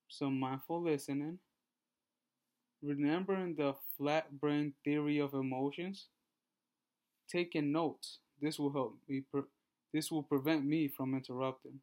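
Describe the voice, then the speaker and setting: A man in his twenties from Honduras, giving a class presentation and reading through his slides in a measured way with small restarts. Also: fairly high pitch, darkish tone. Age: 20s. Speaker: student presenter.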